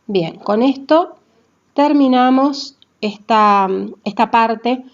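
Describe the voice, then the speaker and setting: Woman teacher, unhurried careful delivery, spells words out letter by letter, muffled lo-fi sound. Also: fairly high pitch. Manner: deliberate, spells out letters and syllables, checks in with "¿sí?". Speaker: language teacher. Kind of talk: classroom grammar explanation.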